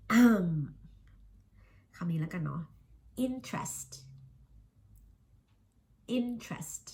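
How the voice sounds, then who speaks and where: A Thai woman in her thirties, an English teacher, talking casually about her studies and slowly drilling the pronunciation of English words. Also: fairly low pitch. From Thailand. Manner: chatty, self-reflective, drills words slowly by repeating them. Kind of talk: casual vlog-style lesson.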